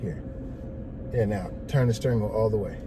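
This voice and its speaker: A man's voice: on the low side, normal speed. Man instructing like a driving teacher, noisy vehicle. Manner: instructing in short, repeated directive commands. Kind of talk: hands-on driving lesson instruction. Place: inside a parked or slowly moving van.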